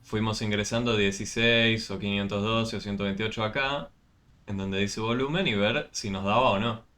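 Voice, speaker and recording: A man, speaking in a fairly low voice, walks a student through math on a video call. He is patient and explains step by step, with frequent fillers and small restarts. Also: fairly even intonation, moderate pace, fairly bright tone. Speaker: math tutor. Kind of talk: online tutoring session.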